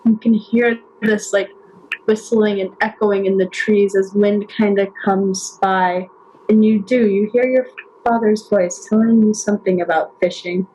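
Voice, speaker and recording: A woman's voice: medium pitch, steady tone, warm tone, slight background noise, poor audio. Woman game master narrating a tabletop game. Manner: descriptive, measured narration.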